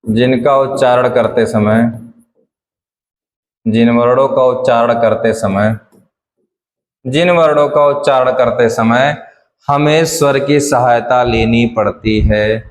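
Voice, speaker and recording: A man's voice: mid-range voice, slow, pauses often. Echoey male grammar teacher lecturing. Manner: repetitive, drilling definitions step by step. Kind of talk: classroom lecture. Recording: echoey room with long reverb.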